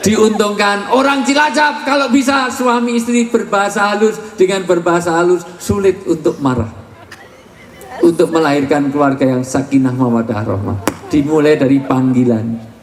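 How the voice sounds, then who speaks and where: A man's voice: high-pitched, moderate pace. A middle-aged man who preaches to a live audience, making jokes and punchlines as he goes. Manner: joking, with punchlines and rhymes. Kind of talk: humorous sermon to a live audience. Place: large hall with audience. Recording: echoey hall, faint crowd noise.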